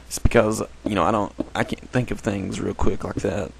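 A man's voice: on the low side, gravelly, noisy background. A man giving casual, rambling commentary while playing a game, often correcting himself. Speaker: gameplay commentator.

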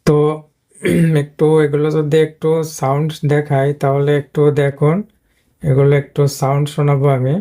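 A man's voice: a little high, level tone, moderate pace, warm tone. A man teaching English pronunciation in a screen-based video lesson, explaining patiently and repeating himself often. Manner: patient, repetitive explaining with frequent "but" fillers.

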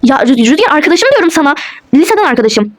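Defiant young wife played by a woman for a toy role-play: high voice, very quick, dismissive retorts. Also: sing-song.

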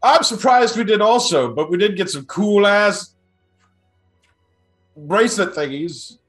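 Man, casual role-play, hesitant, unhurried pace, lively intonation. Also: high-pitched, faint music behind. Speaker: tabletop game player.

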